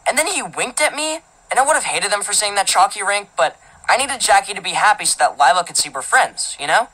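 Bright-voiced woman reading a casual teen monologue. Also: medium pitch, expressive, brisk, low-quality recording. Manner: casual, filler-heavy, indignant teen tone. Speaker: audiobook reader. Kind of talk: audiobook narration of a teen boy's first-person story.

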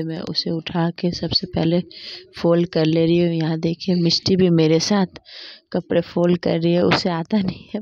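A young woman narrates her evening chores in a family vlog voice-over. She talks step by step in a low, flat voice. The close, dry recording sounds slightly muffled. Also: no room sound. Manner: plain step-by-step narration, repeats "dekhiye". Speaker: family vlogger.

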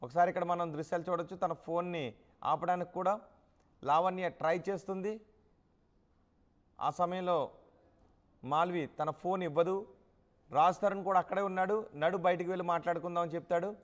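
A man's voice: high voice, fairly even intonation, normal speed, long pauses. A man narrating news footage as a voice-over, pointing viewers to the scenes shown and repeating names as he goes.

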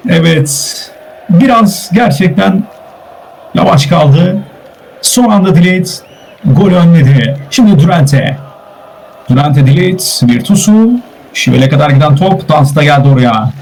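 A man calling a live online football game, rattling off player names and rising to shouts at big chances. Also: a little high, animated, gravelly, rough recording. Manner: rapid name-calling, rising to shouts at goals. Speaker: play-by-play commentator. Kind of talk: live esports commentary.

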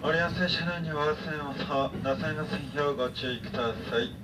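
A man's voice: fairly high pitch, fairly quick. A man making a live train announcement as conductor, in formal, routine patter. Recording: distant train PA, very loud noise. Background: train running noise.

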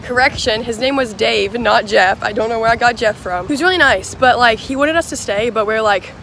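A young woman vlogging in a casual, excitable way into a handheld camera, talking in a chatty style with lots of "like", outdoors in the city and in a car. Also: a little high, brisk, creaky. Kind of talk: casual vlog narration. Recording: loud street and traffic noise.

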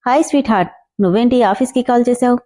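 A woman's voice: fairly high pitch, very fast, dark tone, lightly acted. A woman voicing a confident young man who teases and gives orders. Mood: teasing.

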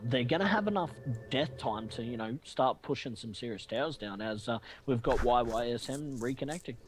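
A man giving relaxed color commentary on a video game match, breaking up his analysis with fillers, restarts and a casual "man". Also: mid-range voice, moderate pace, rough recording. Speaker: esports co-caster.

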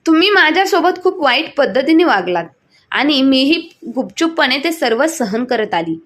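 A woman's voice: high voice, sing-song, normal speed. A woman voicing a young daughter-in-law who is hurt but stands firm, refusing defiantly.

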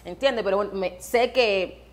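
A Cuban woman with a Cuban accent, talking as an interview guest, animated, laughing often and acting out scenes as she tells them. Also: mid-range voice, unhurried. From Cuba. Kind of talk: lively casual interview.

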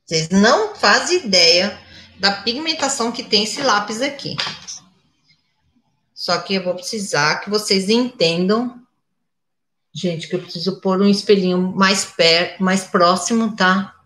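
A mature woman teaches makeup in a slow, chatty way and keeps checking in with her viewers. Her voice is bright and clear. She is recorded in an echoey room. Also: mid-range voice. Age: older. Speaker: makeup instructor. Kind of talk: live makeup tutorial.

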